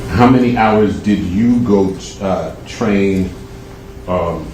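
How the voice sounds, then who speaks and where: A man's voice: low-pitched, takes it slowly, darkish tone. A man cross-examining a witness as an attorney, probing and rephrasing his questions. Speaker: defense attorney. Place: courtroom. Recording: echoey, distant, noisy courtroom audio.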